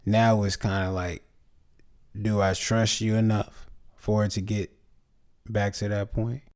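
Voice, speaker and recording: A man co-hosting a relationship podcast in casual, joking chat. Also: on the low side. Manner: slow, relaxed, joking. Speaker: podcast co-host.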